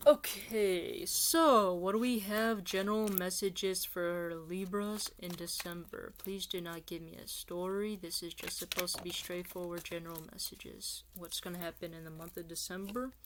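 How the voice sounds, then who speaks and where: A woman's voice: on the low side, steady tone, normal speed, hardly any pauses, slight background noise. A woman giving a casual tarot reading, chatty and rambling, talking straight to her viewers as "you guys". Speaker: tarot reader.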